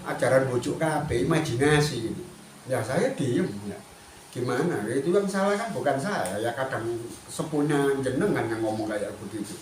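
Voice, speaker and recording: A man's voice: mid-range voice, moderate pace, reverberant, a little hiss or hum. Man giving a spiritual talk. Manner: animated, mixes Indonesian and Javanese, chatty asides. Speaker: spiritual teacher. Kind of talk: spiritual talk, addressing listeners.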